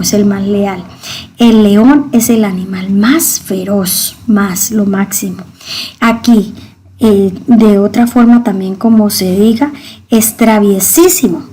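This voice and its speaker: A woman's voice: medium pitch, warm tone, slightly rough. A woman teaching a grammar lesson, speaking to her students directly and patiently repeating the key words.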